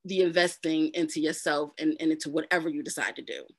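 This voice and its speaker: A woman with a New Jersey accent, a voice narrator, chats as an interview guest in a low, husky voice with fairly even intonation. She talks fast and casually, full of fillers and repeats, on a dry recording.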